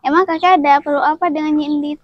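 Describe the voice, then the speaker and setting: A woman's voice: sits high, fairly even intonation, fast talker, no room sound, dull audio, natural voice. A young woman playing a kind, friendly village woman who talks in a chatty, helpful way in a school drama. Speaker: student actor.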